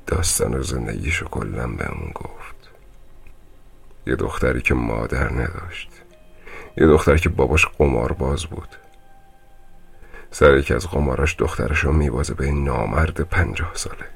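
A man playing a grim storyteller in a horror radio drama, recounting a ghost encounter in a slow, hushed voice that often drops to a whisper. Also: rumbling low, creaky, breathy edge, full character voice. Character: grim older man in a hospital, warning a visitor.

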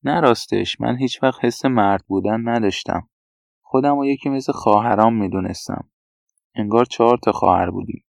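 A man voicing a young man raised among women, quietly confiding about his childhood. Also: medium pitch, creaky, no echo, lightly acted. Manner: quiet, confessional recounting. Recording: dull, dry lo-fi recording.

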